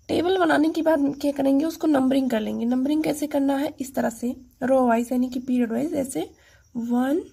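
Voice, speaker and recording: A woman teaching chemistry mnemonics, reciting the tricks slowly syllable by syllable and speaking to viewers as friends. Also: high-pitched, vocal fry, dark tone. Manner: slow, syllable-by-syllable recitation for memorizing.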